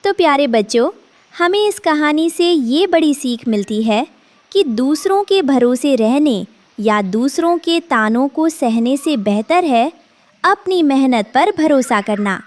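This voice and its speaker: A woman narrating a scripted moral story for children in a gentle, instructive way. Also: high-pitched, expressive, takes it slowly. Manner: gentle, didactic.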